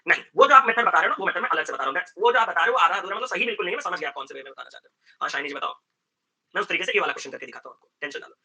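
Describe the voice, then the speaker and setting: Fast, bright-voiced male math teacher. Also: sits high. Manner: animated, acts out student dialogues, mixes English terms into Hindi. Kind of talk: live online exam-prep lesson.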